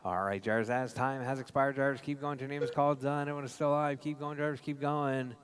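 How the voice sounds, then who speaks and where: A man's voice: medium pitch, fairly even intonation, quick pace, smooth. Man announcing a live race. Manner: informal, repetitive calls to drivers. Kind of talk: live race commentary, calling positions.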